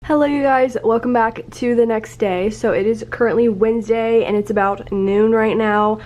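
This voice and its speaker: Young female college vlogger, bubbly sorority-girl energy, high-pitched, casual to-camera chat over noticeable background noise. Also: steady tone, moderate pace, darkish tone, muffled recording. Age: young adult.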